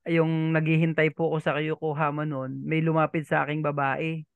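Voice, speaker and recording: Patient guy teaching a language class, gravelly voice, dry close sound. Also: on the high side, little pitch movement, a little fast, no room sound, phone-quality sound. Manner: patient, polite, repeats and checks understanding. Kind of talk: online language lesson.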